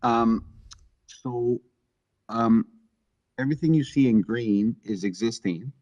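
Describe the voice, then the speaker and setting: A man's voice: medium pitch, takes it slowly, a little mellow, highs cut off. Male agent at a hearing, hesitant, voice breaking up and cutting out over a bad call line. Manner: hesitant, with many fillers. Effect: connection breaking up, voice cutting in and out. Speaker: applicant's agent at a public hearing. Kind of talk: presenting a case on a remote call. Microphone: remote call audio.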